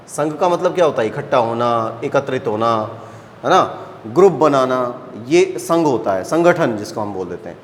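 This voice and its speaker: A man's voice: a little high, long reverb tail, slight background noise. A man teaching a maths lesson, explaining step by step and often checking whether the class understands.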